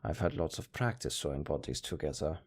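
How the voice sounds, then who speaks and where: In an intimate audio roleplay, a man plays a chatty, pragmatic necromancer, once a tailor, who talks casually and matter-of-factly about grisly work. His very deep, slightly rough voice moves briskly with lively intonation and heavy acting.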